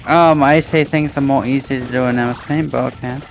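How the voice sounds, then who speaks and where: A woman co-hosting a game stream, excitable and rambling, swearing a lot and jumping high in pitch when surprised. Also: a little fast, a little hiss or hum. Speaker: stream co-host. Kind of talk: casual live-stream chat.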